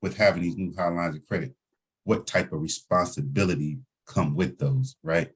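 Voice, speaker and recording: Deep husky guy running a group voice chat meeting, teaching, hammers his points over and over. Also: moderate pace. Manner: instructive, repeats key points for emphasis. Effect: group voice chat audio. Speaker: host of an online financial team meeting. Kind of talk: coaching a group over a voice call.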